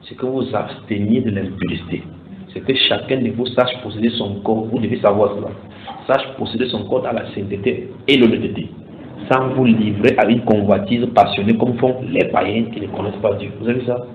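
A man preaching a sermon in a church, animated and building to loud exhortation. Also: fairly low pitch, fairly quick. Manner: animated, rising to loud exhortation, mimics cheering fans. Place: church hall. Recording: echoey room over a tinny phone-like line with faint noise.

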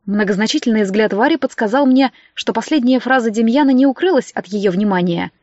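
A woman reads a story aloud with a fairly high voice, lifting her tone for each character in the dialogue. The recording is dry and a little muffled. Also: brisk, darkish tone, no room sound. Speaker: audiobook narrator. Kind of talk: audiobook reading with character voices.

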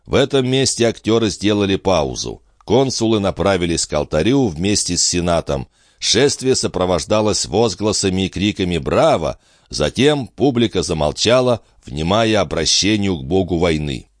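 A man narrating an audiobook in expressive storytelling manner. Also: deep voice, moderate pace, no room sound, clean studio sound.

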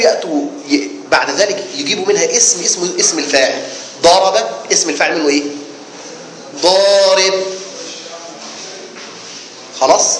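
Male Egyptian sheikh, fairly high voice, asks and answers his own questions, echoey hall with faint hum. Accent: Egyptian Arabic. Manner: lively, asks the class questions and answers them himself. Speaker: sheikh teaching Islamic jurisprudence. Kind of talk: classroom lecture.

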